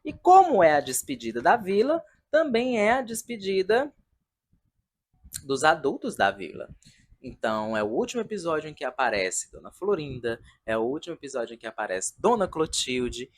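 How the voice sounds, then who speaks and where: A man's voice: on the high side, sing-song, normal speed. A man in his thirties giving a casual, chatty and sentimental review in a vlog, talking in front of a decorated wall at home. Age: 30s. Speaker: video reviewer of a comedy show.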